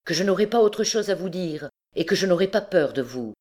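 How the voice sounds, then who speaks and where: A woman reading an audiobook, voicing a desperate, frantic old recluse mother who pleads in a high, strained voice. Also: animated, fairly quick, darkish tone. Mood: wary. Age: older.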